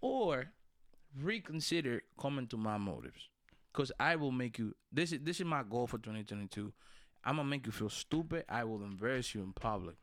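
A man's voice: mid-range voice, big pitch swings, moderate pace, fairly bright tone, dry recording, studio quality. A man in a casual, profane chat, ranting insistently in street slang and repeating his phrases.

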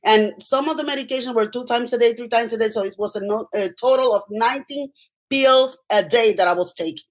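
A middle-aged Puerto Rican woman with a slightly high, brisk voice appears as an interview guest. A healthcare worker whose first language is Spanish, she tells personal stories in a Puerto Rican accent and frequently adds "okay?".

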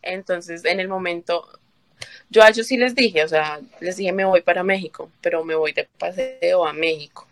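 A woman from Colombia tells her personal story as an interview guest, her voice slightly low. She talks in halting runs, restarts often, and acts out what others said to her. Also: no room sound. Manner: halting, with fillers and restarts, quotes herself and others. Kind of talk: emotional personal testimony.

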